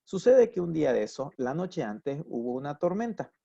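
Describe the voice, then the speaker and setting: A man's voice: a little high, big pitch swings, normal speed, vocal fry, dark tone, slightly rough, muffled recording. A man giving a psychology lecture who explains with everyday examples and keeps checking that his students follow. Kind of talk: recorded university lecture.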